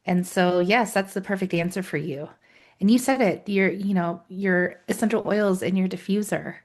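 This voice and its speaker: A woman's voice: medium pitch, normal speed. A woman co-hosting a podcast, chatting in an upbeat, friendly way and speaking straight to her listeners. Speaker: podcast co-host. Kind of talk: casual podcast chat.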